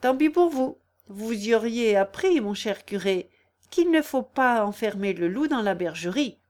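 A woman's voice: a little high, lively intonation, a little slow, a little mellow. Woman playing a mocking young libertine. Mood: teasing. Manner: teasing, ironic.

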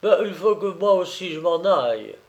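A man reading a novel aloud, voicing an eager young male illustrator with lively, emphatic delivery. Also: sits high, normal speed, pitched above the performer's own voice. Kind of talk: audiobook character reading.

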